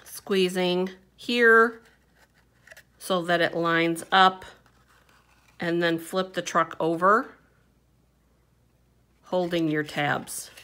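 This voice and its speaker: A woman walks through a papercraft project at her indoor craft table, chatting casually with fillers and little hums at each step. Her voice is lowish, steady and sharp, and she talks extremely slowly with frequent pauses.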